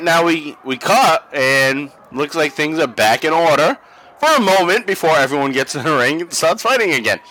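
A man's voice: a little high, bright, forceful tone, rough recording. A young man co-hosting a podcast, watching old wrestling and chatting casually, profane and laughing a lot. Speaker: podcast co-host. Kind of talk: casual watch-along commentary.

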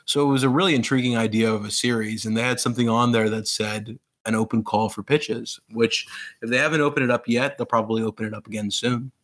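A man's voice: mid-range voice, fairly even intonation, quick pace, a bit bright. A man in his thirties who grew up in Pakistan, an author telling his story eagerly in a casual interview, rambling with fillers and restarts. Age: 30s.

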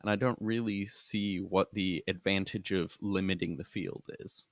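A man's voice: deep voice, steady tone, normal speed, no room sound. A man co-hosting a casual sports podcast, earnestly arguing his view at length. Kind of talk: casual rugby talk.

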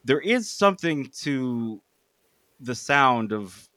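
A man's voice: medium pitch, big pitch swings, slow pace, sharp tone, no room sound. A man with a General American accent, talking casually as he leads a podcast discussion about film. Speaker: podcast host leading the discussion.

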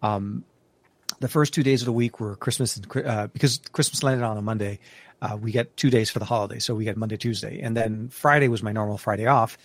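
A man's voice: lowish voice, fairly quick, no echo. Chatty man on a dry mic. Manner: rambling, many restarts and fillers, laughs often. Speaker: podcast co-host. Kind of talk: casual tech podcast chat.

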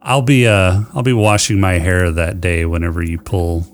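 A man's voice: low-pitched, fairly even intonation, moderate pace, slight background noise. A man hosting a sci-fi podcast, bantering casually with a sarcastic, exasperated manner and the odd swear word. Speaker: podcast host.

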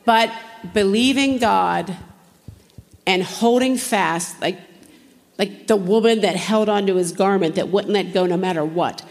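An earnest woman delivers a sermon to a conference audience, pressing them with direct questions. Her voice sits at a middling pitch. The sound carries a long reverb from a large hall. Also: unhurried. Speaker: conference speaker.

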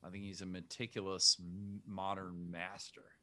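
A man's voice: deep voice, flat delivery, normal speed, a crowd in the background. A man born in Zimbabwe, a filmmaker chatting casually in an interview, rambling with many restarts and fillers. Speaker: filmmaker guest.

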